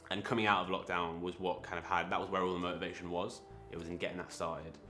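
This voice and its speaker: A young man talking in a casual, reflective interview, halting often with fillers and restarts. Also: low voice, little pitch movement, bright, forceful tone, faint music behind. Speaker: creative interviewee.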